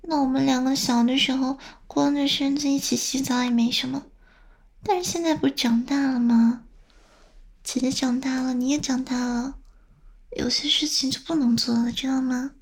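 A woman's voice: high-pitched, fairly even intonation, moderate pace, slightly rough. A young woman playing a stern but doting older sister who scolds and coaxes the listener, in a whispered role-play. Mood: soothing. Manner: scolding, then coaxing softly.

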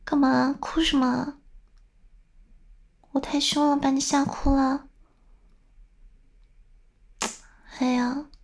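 A woman playing a gravelly-voiced stern older sister, whispered role-play. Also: sits high, heavily acted. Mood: angry. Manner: scolding, then coaxing softly. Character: stern but doting young older sister.

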